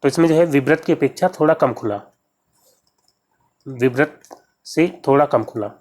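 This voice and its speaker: A man's voice: medium pitch, moderate pace, a little mellow. Man tutoring exam questions. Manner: explanatory, repeats key terms, often says "to jo hai". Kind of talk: exam-prep lesson, solving practice questions.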